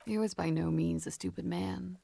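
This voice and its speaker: A woman voicing a calm, guarded, world-weary young woman in a video game. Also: lowish voice, moderate pace, vocal fry, no echo. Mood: wistful. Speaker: game character.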